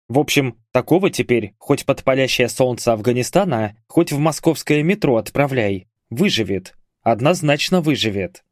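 A man reading an audiobook aloud as narrator, with expressive, lively storytelling. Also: mid-range voice, no room sound, studio quality.

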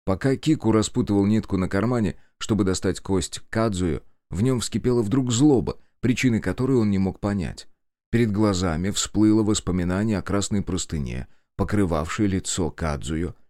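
A man reading an audiobook in a measured, even scripted narration. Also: fairly low pitch, no room sound, studio quality. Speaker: audiobook reader.

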